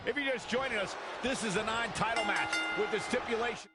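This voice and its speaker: A man voicing a wrestling commentator calling the action play by play in an excited, explanatory way. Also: very high-pitched, fairly quick, background noise.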